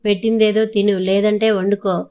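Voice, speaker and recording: A woman voicing a sharp-tongued, quarrelsome young woman in a storybook reading, with a smooth, fairly flat voice. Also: medium pitch, normal speed, natural voice. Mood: scornful. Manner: scornful, quarrelsome.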